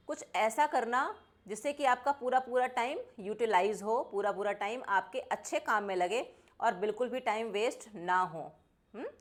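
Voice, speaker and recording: Woman teaching kids vocabulary. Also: fairly high pitch. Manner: mixes Hindi and English, reads English sentences slowly and deliberately. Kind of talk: children's vocabulary lesson.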